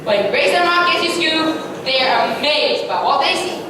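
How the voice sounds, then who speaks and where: The recording catches a woman from a distance in a very echoey space, clear noise behind her, as she reads scripted reader's theatre narration. Her high voice is animated and moderately paced.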